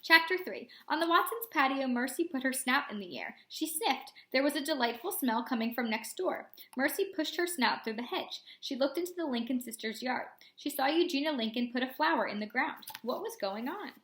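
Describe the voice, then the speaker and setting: A woman reads a children's chapter book aloud, giving each character a different voice. Her voice sits high and bright. The room around her is echoey. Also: animated, fairly quick, few pauses. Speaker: reader. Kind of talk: storybook read-aloud.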